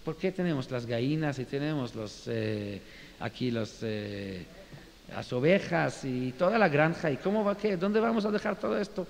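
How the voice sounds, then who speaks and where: Man voicing a reluctant farmer in a told story, hedging and hesitant, high-ish male voice. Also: animated, normal speed, vocal fry. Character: simple reluctant male farmer, middle-aged. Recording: reverberant room with faint hiss.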